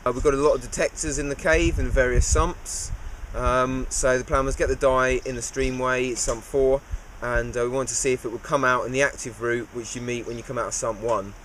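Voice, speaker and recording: In an interview recap of a cave dive, a man sounds relaxed and understated, dropping many "uh" fillers. His mid-range voice is brisk with hardly any pauses, over a little hiss or hum.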